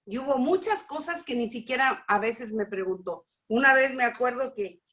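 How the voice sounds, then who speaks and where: A middle-aged woman gives a personal testimony at a church family class, telling her story with lively expression and acting out what people said. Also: a little high, moderate pace. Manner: animated storytelling, acts out dialogue. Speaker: speaker at a church family school.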